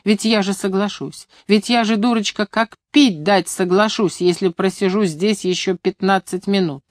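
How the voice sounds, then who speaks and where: A woman reading the part of a young female agronomist who is anxious and hesitant, and turns sharp when angered. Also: mid-range voice, steady tone, normal speed, no echo, studio quality, close to an everyday voice. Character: young woman agronomist, flustered but fiery.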